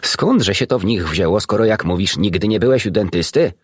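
A man voicing a kindly, unflappable male doctor who speaks calmly and reassuringly, in an audiobook reading with a low, husky voice. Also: brisk, no echo, clean studio sound. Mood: gentle. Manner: calm, reassuring, gentle.

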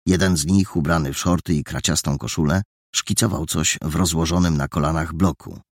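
A man narrating a storybook in a steady, measured reading style. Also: rumbling low, no room sound, studio quality.

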